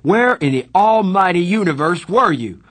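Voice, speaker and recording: A man voicing a stern, hot-tempered young older brother in an audiobook, scolding loudly. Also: lowish voice, animated, normal speed, husky. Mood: furious, scolding. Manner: loud, scolding, forceful.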